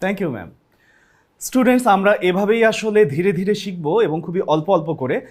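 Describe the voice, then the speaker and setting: A man's voice: high voice, animated, brisk. A man hosting a classroom lesson. He mixes Bengali with English and speaks directly to the students. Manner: upbeat, addresses students directly. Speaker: classroom program host.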